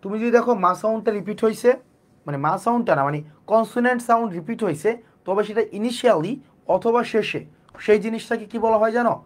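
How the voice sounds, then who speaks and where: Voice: mid-range voice, fast. An English teacher, giving a live online class. The teacher repeats sounds over and over and asks and answers their own questions.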